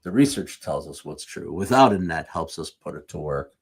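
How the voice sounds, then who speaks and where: A man's voice: extremely low pitch, expressive, normal speed, vocal fry, husky. A man giving a conversational sermon with jokey asides, correcting himself mid-sentence as he goes. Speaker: speaker at a live church series.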